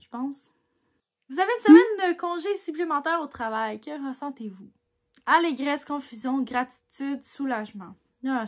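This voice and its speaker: A woman with a Québécois French accent chatting casually as she reads quiz questions aloud and answers them candidly. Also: high voice. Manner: chatty and candid, reads each question louder then mulls over answers with little laughs.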